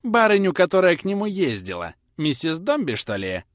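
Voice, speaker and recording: A man's voice: on the high side, wildly swooping pitch, normal speed, dry recording, studio quality, voice pushed up. A man voicing a grasping, sly old woman who coaxes and snaps as she pries for secrets, in a storybook reading. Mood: coaxing. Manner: wheedling, coaxing, then snapping. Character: grasping sly old crone, prying and fierce.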